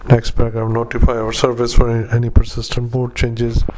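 A man working as a clinician dictates a medical note in halting fragments, speaking punctuation aloud. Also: medium pitch. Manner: halting, flat, monotone delivery in short fragments. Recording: clearly noisy recording with background ambience.

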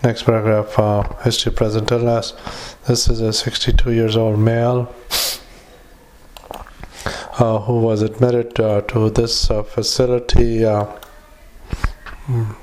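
A man dictating clinical notes as a doctor, in a halting, hesitant, matter-of-fact way with frequent pauses. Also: on the low side, level tone, darkish tone, poor audio. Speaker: doctor dictating a psychiatric evaluation. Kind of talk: medical dictation with spoken formatting cues.

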